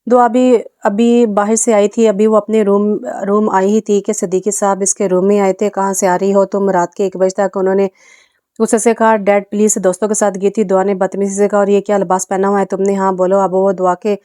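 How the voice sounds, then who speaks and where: A woman reading a romance novel aloud, narrating and voicing every character in the same steady tone, with small slips and restarts. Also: medium pitch, brisk, no room sound, studio quality. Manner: voices every character in her own voice.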